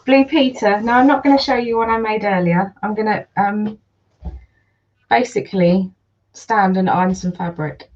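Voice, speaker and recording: A woman with a Geordie accent, slightly croaky, chatting in a rambling casual way while she irons during a livestream at home, greeting viewers by name. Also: medium pitch, normal speed, a little mellow, muffled recording. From North East England. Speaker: livestream host and online seller.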